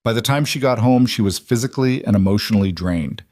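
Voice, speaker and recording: Low-voiced man narrating a story. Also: fast talker, darkish tone, no echo, clean studio sound. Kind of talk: scripted audiobook narration.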